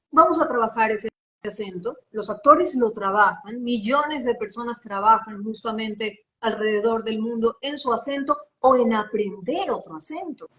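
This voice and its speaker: A woman from Ecuador with a Guayaquil accent, a voice and diction coach explaining in an animated, teacherly way during a live interview. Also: on the high side. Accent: Guayaquil Spanish. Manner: animated, expressive, teacherly, asks rhetorical questions.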